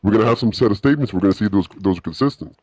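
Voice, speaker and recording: Brief: caller voice run through a voice changer, very low and fast, taunting debater on dull call audio. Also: male voice, expressive, a little mellow. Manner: combative, taunting, rapid-fire. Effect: voice changer disguising his voice. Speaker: caller in a live debate stream. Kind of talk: heated religious debate.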